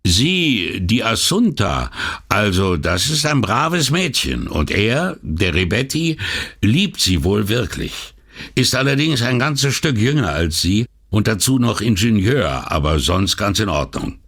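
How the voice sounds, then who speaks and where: A man's voice: fairly low pitch, very animated, a little slow, a bit bright, husky, full character voice. A man voicing a boastful, coarse older workman who gossips bluntly and is proud of himself. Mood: gossiping. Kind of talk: audiobook dialogue reading.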